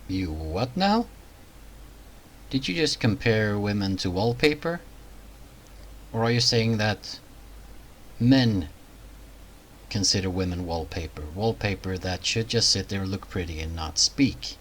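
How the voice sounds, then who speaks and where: Low-pitched guy doing snarky commentary, faint hiss behind him. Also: unhurried, pauses often, a bit bright, poor audio. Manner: sarcastic, mocking. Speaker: commentary video host. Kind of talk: reaction commentary.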